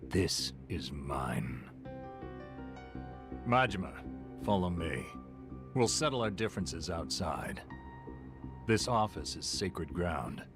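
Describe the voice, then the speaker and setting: An actor voicing a stern, proud middle-aged yakuza captain in a video game, in a measured, commanding, gravelly action-hero snake voice. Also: male voice, deep voice, sing-song, heavily acted. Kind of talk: dramatic video game voice acting. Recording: game audio with music underneath.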